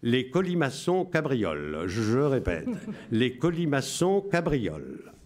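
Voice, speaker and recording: A man in his seventies plays a solemn wartime radio announcer, declaiming coded messages in a raised, lively, mid-range voice. He delivers each short phrase measured and emphatic, then repeats it word for word.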